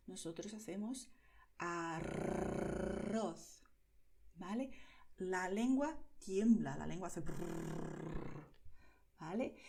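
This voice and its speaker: Slow, mellow Spanish teacher from Spain. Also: female voice, mid-range voice. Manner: slow, clear, over-articulated, checks in with "¿vale?". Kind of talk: pronunciation lesson for learners.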